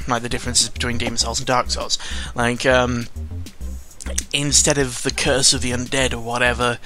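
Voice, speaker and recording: A gaming video creator with a medium-pitched, bright, forceful voice gives casual, unscripted commentary, rambling along in a self-deprecating and sweary way. Background music plays behind his voice.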